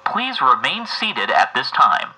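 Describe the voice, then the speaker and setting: A man's voice: medium pitch, huge pitch swings, takes it slowly, pushed and bright, slightly rough, voice pushed up, full character voice. A man voicing a train conductor making a formal announcement over a train intercom.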